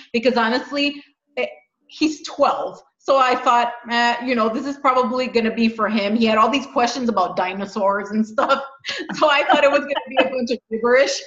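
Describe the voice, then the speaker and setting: A woman's voice: a little high, fairly bright tone. A middle-aged woman talking earnestly and animatedly in a casual spiritual chat, often repeating her words. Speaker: spiritual podcast co-host. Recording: echoey room, dull lo-fi sound.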